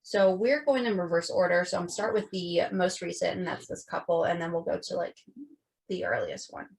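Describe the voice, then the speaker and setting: A woman's voice: on the low side, fairly even intonation, normal speed, vocal fry, a little mellow. A woman co-hosting a podcast, telling a true-crime case in casual chat and swearing freely. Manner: chatty, swearing, quotes people in voices. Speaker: podcast co-host.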